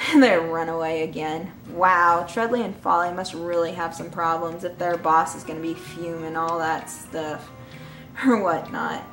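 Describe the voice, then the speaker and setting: A woman's voice: lowish voice, a little slow, fairly bright tone, reverberant, soft background music, poor audio. A woman hosting let's play commentary, giggly, apologetic and rambling. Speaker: gaming channel host.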